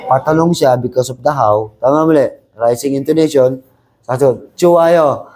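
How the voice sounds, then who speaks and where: A man's voice: medium pitch, fairly quick, a crowd in the background. A man teaching a Korean exam review class, mixing Tagalog and English and having the class repeat lines together. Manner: drills class in chorus, switches between Tagalog, English and Korean. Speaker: language teacher.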